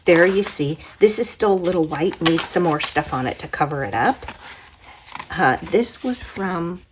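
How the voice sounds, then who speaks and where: A woman's voice: lowish voice, animated, measured pace, noisy background. A woman hosting a crafting channel, chatting casually as she shows her work, her voice worn from being under the weather. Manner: chatty, rambling, soft-spoken at times. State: sick, voice worn from a cold. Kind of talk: casual crafting show-and-tell.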